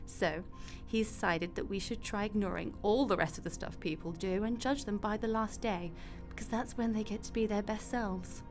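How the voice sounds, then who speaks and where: A woman with a steady, medium-pitched voice, close to how she normally talks, speaks at normal speed over soft background music. Acting in a radio drama, she voices a glib, breezy God who handles the afterlife in a chatty, flippant, matter-of-fact explanatory way.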